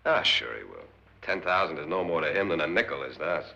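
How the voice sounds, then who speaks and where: A man's voice: rumbling low, lively intonation, fast talker, vocal fry, pushed and bright, exaggerated voice. An American actor in his thirties playing an easygoing party guest in a 1950s horror film, talking casually. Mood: relaxed, musing. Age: 30s. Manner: casual, conversational. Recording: dull, noisy old film soundtrack.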